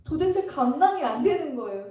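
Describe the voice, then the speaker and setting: A woman's voice: high voice, sing-song, a little fast, dark tone. A middle-aged woman, a pastor's wife, telling a church testimony story and acting out the dialogue in it. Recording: echoey hall, mic at a distance.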